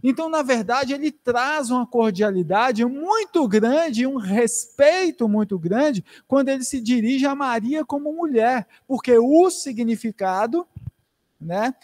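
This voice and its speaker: A man's voice: extremely high pitch, expressive, a little slow, a little mellow. A man with a Brazilian Portuguese accent teaching a Bible class, explaining patiently and often checking in with "né?". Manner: explanatory, many "né?" tag questions.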